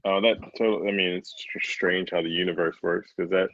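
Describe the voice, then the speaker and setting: Low gravelly guy hosting a podcast, chill and chatty, dry muffled mic. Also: steady tone, brisk, a bit bright, no echo. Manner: laid-back, chatty, laughs easily. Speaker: podcast host. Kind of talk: casual podcast chat.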